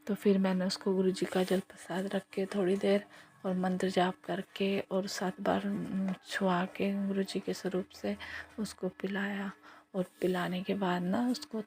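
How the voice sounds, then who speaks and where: Flat-voiced woman telling a devotional testimony. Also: mid-range voice, a little slow. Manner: flat, even storytelling with soft whispered asides.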